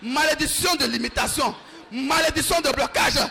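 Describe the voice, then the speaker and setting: A male pastor leading a shouted deliverance prayer, fervently repeating short commands over and over. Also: very high-pitched, normal speed, creaky, slight background noise.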